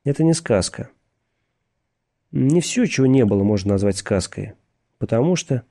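A man's voice: medium pitch, expressive, normal speed, vocal fry, mellow. A man voicing an exhausted young male walker who is desperate and defiant, pleading and breaking into raw outbursts. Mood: weary storytelling.

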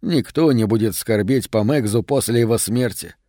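A male audiobook narrator reads in a steady, measured way. His voice sits in the middle range. The recording is close and dry, with no room sound. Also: medium pitch, no room sound. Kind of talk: scripted narration.

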